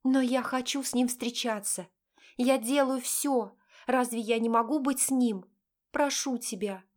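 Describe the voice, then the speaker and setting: A woman's voice: on the high side, fairly even intonation, unhurried, pitched above the performer's own voice, close to an everyday voice. A woman voicing a desperate, pleading young woman. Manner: pleading and emotional, rising and insistent. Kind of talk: audiobook character voice.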